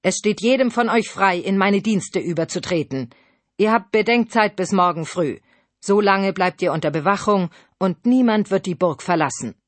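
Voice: medium pitch, moderate pace, dry recording, close to an everyday voice. A reader voicing a stern, victorious male nobleman who makes formal proclamations in an audiobook. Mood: commanding. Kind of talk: audiobook reading.

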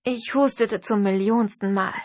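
Female audiobook narrator, husky and intimate, first-person novel, dry booth sound. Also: medium pitch, fairly even intonation, unhurried, no room sound.

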